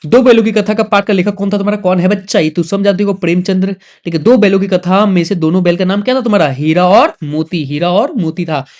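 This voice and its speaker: A man's voice: high-pitched, fast talker, hardly any pauses, a little mellow. A man with a Jharkhand Hindi accent teaching an exam revision lesson, firing off questions and answers, repeating words and teasing students.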